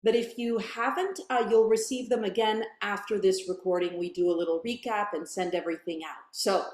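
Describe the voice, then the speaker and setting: A woman in her thirties moderating a virtual cooking class on a video call, upbeat and friendly, from a bright home kitchen. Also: mid-range voice, fairly even intonation, brisk, echoey room.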